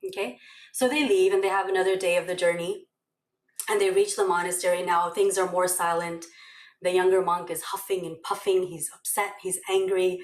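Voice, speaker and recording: A woman's voice: fairly low pitch, fairly even intonation, normal speed. A woman meditation teacher telling a story and drawing a lesson from it, chatty and loose, often checking in with "okay?" and "right?". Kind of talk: casual spoken storytelling and teaching. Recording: roomy echo.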